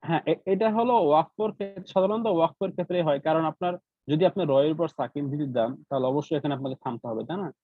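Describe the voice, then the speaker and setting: A man with a Bangladeshi Bengali accent teaches recitation rules patiently, breaking each point into small steps and checking in with his students. His voice sits a little high for a man. The sound is dry and tinny, like a call line. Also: very fast, no room sound. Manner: patient, explains step by step, often checks with "right?". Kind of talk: online class explanation.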